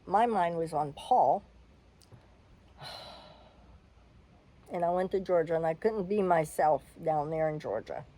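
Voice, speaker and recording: A woman's voice: low voice, animated, measured pace, pauses often, dark tone, low-quality recording. An older woman telling a personal story in a candid, blunt way, with the odd cough and sigh.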